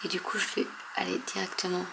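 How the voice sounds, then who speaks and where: A woman casually showing and testing inks, hesitating often with many fillers and often trailing off softly. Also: on the low side, monotone, fast talker, creaky, heavy background noise. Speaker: craft video host. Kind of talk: casual product demo.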